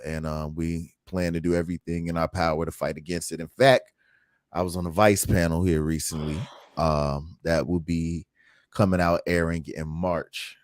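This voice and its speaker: A man with a very low, deep voice hosts a casual livestream chat, speaking earnestly and reflectively. The sound is dry and close, with no room echo. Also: a little mellow. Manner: earnest, reflective, reads live comments aloud. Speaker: host.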